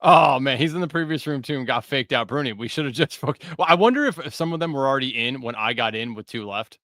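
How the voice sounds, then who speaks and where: A man's voice: medium pitch, animated, fast talker, sharp tone, no room sound, studio quality. A man hosting a live-stream talk show, reading chat comments aloud with lots of "uh"s and frequent laughs. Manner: reads chat aloud, filler-heavy, laughs often. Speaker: podcast host. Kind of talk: casual live-stream banter.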